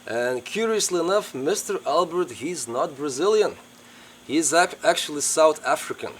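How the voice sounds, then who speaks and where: A man's voice: a little high, animated, moderate pace, a little hiss or hum. A man narrating a travel vlog in a chatty way, with slightly non-native phrasing. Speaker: travel vlogger. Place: outdoors in the rainforest.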